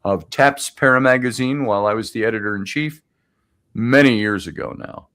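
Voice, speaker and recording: A man from the United States co-hosting a casual podcast, telling stories in a relaxed way with fillers. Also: fairly low pitch, moderate pace. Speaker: co-host. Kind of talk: casual chat.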